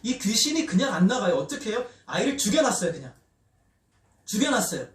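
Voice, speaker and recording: High-voiced preaching man in echoey hall. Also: fairly quick. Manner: animated preaching that poses questions to the congregation and leads call-and-response. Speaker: pastor. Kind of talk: sermon. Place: church sanctuary. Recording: roomy church hall, voice from a distance.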